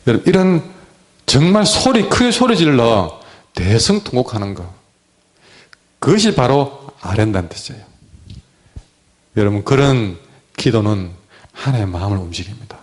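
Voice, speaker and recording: Impassioned Korean pastor with a sore throat. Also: male voice, mid-range voice, very animated, normal speed, pauses often. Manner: impassioned preaching, swings from loud cries to hushed words. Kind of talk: sermon.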